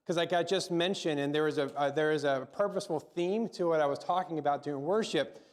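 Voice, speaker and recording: A man's voice: a little high, fast talker. A man preaching a sermon and praying in a church service, speaking conversationally and often restarting and repeating words. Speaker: pastor. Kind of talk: sermon with spoken prayer. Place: church service, also live-streamed.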